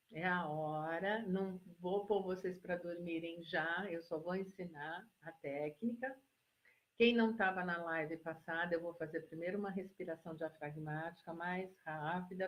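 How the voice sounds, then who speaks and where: A Brazilian woman with a fairly low voice leads a relaxation lesson over a live stream. She speaks very slowly and gently as she guides slow, deep breaths. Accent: Brazilian Portuguese. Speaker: psychologist. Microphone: phone or laptop mic for a live stream.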